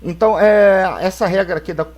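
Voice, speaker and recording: A male teacher with a Brazilian accent gives a recorded English grammar lesson to schoolchildren. He explains slowly and keeps checking in with the class. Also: sits high, fairly even intonation, darkish tone. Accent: Brazilian Portuguese. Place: home, for a video lesson.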